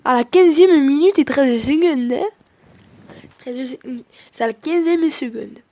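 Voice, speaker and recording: Woman doing chatty play-by-play over a football game she's playing, higher voice, dry close sound. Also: unhurried, mellow, dry recording. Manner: chatty play-by-play, cheering players on. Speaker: gamer. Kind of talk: football video game commentary.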